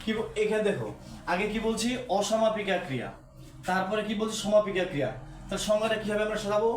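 A man's voice: high-pitched, expressive, fast. A man teaching a grammar lesson to a class, asking questions and repeating the key terms. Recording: echoey room.

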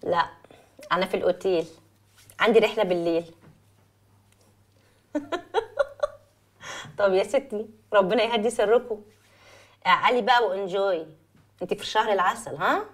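A faint film score plays behind an actress in a dramatic scene, where she portrays a young woman's steady, devoted best friend. She teases and soothes in an Egyptian Arabic accent, her medium-pitched voice close to natural speech, at a moderate pace broken by long pauses.

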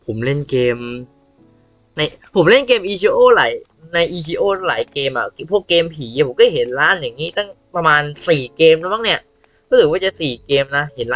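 Guy playing a horror game, kinda sick and coughing, doing a fake spooky voice, bright sharp tone. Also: no room sound. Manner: deliberately low, spooky put-on voice. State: unwell, coughing. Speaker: game streamer. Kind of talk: casual horror gameplay commentary.

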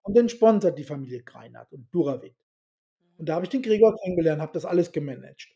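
A man's voice: fairly high pitch, fast, vocal fry. A middle-aged man telling stories as a podcast guest, bluntly and with salty language, acting out the dialogue he quotes. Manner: animated storyteller who acts out quoted dialogue; blunt and salty, swears casually. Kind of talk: casual storytelling interview.

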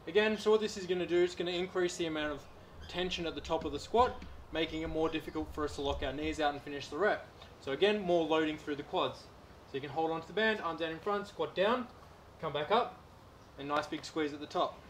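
A young Australian personal trainer demonstrates home exercises in a garden, talking to a distant camera. His voice is on the high side and fast, with a little hiss or hum in the recording. He coaches in a relaxed way while doing the reps himself.

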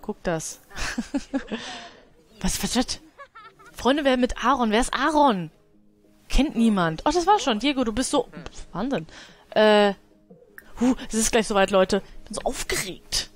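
A woman's voice: a little high, animated, a little slow, pauses often, faint music behind. A woman giving casual let's play commentary, chatting to her game characters and laughing often.

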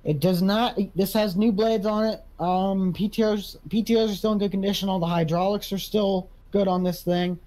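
A man's voice: high-pitched, steady tone, normal speed, few pauses, dark tone, lightly acted, rough recording. A man playing a farm equipment auctioneer in a casual video game role-play, calling for bids and repeating prices. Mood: matter-of-fact pitch.

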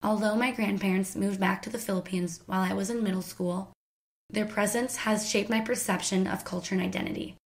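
A woman in her twenties from the United States, reading her own scripted family story in a measured, careful way. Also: medium pitch, fairly even intonation. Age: 20s. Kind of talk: scripted personal narration.

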